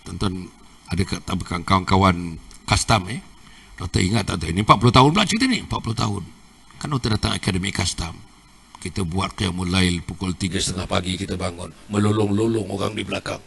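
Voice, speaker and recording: A man's voice: sits low, fast talker, gravelly, a bit bright, slightly rough, recorded from a distance. An older man with a Malaysian Malay accent preaching in a mosque, who repeats his phrases and keeps addressing the audience. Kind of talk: mosque religious lecture. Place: mosque hall.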